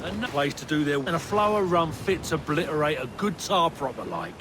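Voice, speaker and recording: An actor playing a gruff, hearty old salt in a video game, speaking in salty dialect. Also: male voice, fairly high pitch, animated, a little fast, background noise, close to an everyday voice. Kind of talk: video game character acting.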